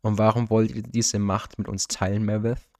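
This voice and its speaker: A man reading the part of a cold, suspicious lord in a storybook audiobook, with a quietly threatening delivery. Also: on the low side, little pitch movement, normal speed, no room sound, clean studio sound, natural voice.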